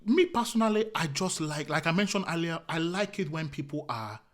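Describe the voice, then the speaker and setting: A male comedian with a fairly high voice talks a little fast and animatedly as an interview guest. He's earnest and repetitive, often poses rhetorical questions to himself, and keeps calling the host "my brother."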